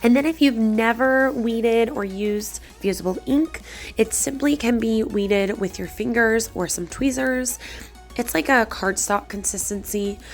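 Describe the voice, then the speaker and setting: A woman with a breathy, slightly congested voice from a cold, narrating a craft tutorial in a chatty, encouraging way. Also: a little high. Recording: background music under the voice. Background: music.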